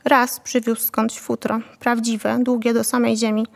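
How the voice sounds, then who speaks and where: A woman narrating a novel in a calm, even storytelling manner. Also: a little high, unhurried, vocal fry, long reverb tail. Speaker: audiobook narrator.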